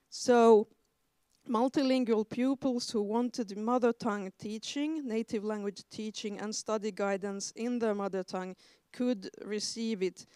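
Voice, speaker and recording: A woman in her forties, raised in Sweden, speaking as a historian on an academic panel in a measured way with frequent hesitations. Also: medium pitch, dark tone, smooth, no room sound, clean studio sound. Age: 40s.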